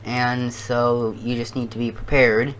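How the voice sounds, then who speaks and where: Casual video host, unhurried and halting, thinks aloud, mid pitch, slight background noise. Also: level tone, rough recording. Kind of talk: casual commentary to viewers.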